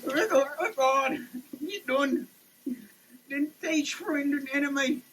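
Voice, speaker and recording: A performer stands in an indoor shower reading label text with comic, theatrical drama, alternating declaimed lines and muttered asides as the soaking water makes them choke, cough, and gasp. Their high-pitched, slightly bright voice moves at a slow pace over the noise of the running shower.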